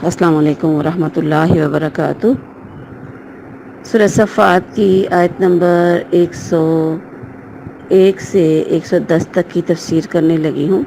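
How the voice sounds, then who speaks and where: A woman's voice: fairly low pitch, fairly even intonation, creaky, mellow, a little hiss or hum, poor audio. A woman giving a word-by-word translation and tafsir lesson, reading each Arabic phrase and then glossing it. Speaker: Quran teacher.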